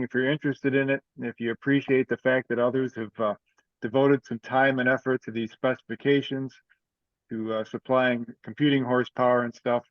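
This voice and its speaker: Leading an amateur radio group's online meeting, a man gives a casual, unscripted update, thinking aloud and speaking haltingly in an ordinary mid-pitched voice. The call recording sounds somewhat dull, dry and close, with no room sound.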